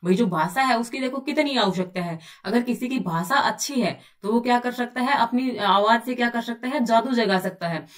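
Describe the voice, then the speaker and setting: A woman's voice: a little high, normal speed, hardly any pauses, far from the mic. A woman teaching an exam-prep lesson, who keeps asking questions and answering them herself in a chatty, repetitive way. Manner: explains by asking and answering her own questions, often says "bhai".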